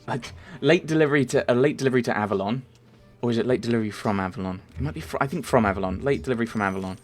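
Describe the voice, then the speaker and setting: In a rapid-fire, medium-pitched voice, a young Merseyside man answers viewer questions in a loose, rambling voice-over. He says um often and corrects himself repeatedly, with faint game music in the background.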